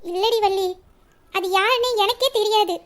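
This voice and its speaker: A woman's voice: very high voice, moderate pace, a bit bright. A woman voicing a troubled young woman who speaks hesitantly and evasively about her marriage. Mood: confessing. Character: troubled young bride-to-be, secretly in love. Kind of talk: audio story reading.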